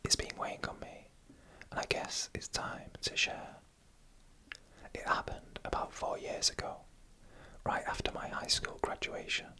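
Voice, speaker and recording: A scary story is read in a soft, unvoiced ASMR whisper, slow and deliberate, delivered in short phrases broken by pauses.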